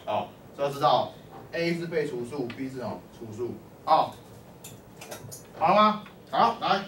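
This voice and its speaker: Here a male math teacher with a mid-range, fairly bright voice swings widely in pitch at a moderate pace. Throughout the lecture he quizzes his class nonstop, prompting replies with short "lai" and "o" calls. Recorded from afar in an echoing classroom with a faint hum.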